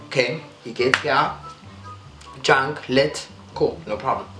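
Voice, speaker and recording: A man telling a casual storytime, animated and expressive, swinging between hushed and loud. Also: medium pitch, takes it slowly. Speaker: storytime vlogger. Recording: roomy with faint music.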